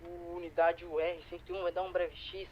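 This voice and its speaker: A man making a radio call in code words as a firefighter unit in a roleplay game, in clipped, even radio talk. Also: high-pitched, brisk. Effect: in-game radio transmission. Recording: muffled radio with siren and loud noise.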